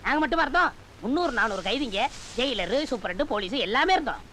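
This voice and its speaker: Brief: bright high-voiced cheeky disciple, plots against his master. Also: very animated, fast, slight background noise, heavily acted. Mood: scheming. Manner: cheeky, wailing when beaten. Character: scheming cowardly male disciple, ex-convict, cheeky. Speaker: sorcerer's disciple. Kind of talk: 1990s film comedy dialogue.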